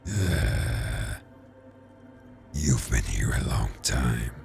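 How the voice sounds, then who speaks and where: A worn-out detective with a guttural, gravelly rasp, as a man puts him on for a game. He drags each word out slowly and very low, with faint music behind. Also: lively intonation, darkish tone, heavily acted. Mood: gruff. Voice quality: gravelly vocal fry. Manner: slow, guttural. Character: gruff worn-out male detective.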